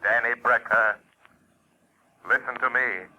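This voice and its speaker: An actor playing a stern, mocking invisible crime fighter in an old radio mystery, speaking in a deliberate, theatrical way. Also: male voice, mid-range voice, steady tone, dull audio, close to an everyday voice. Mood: menacing, commanding. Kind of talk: 1940s radio mystery acting. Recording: noisy old radio broadcast recording.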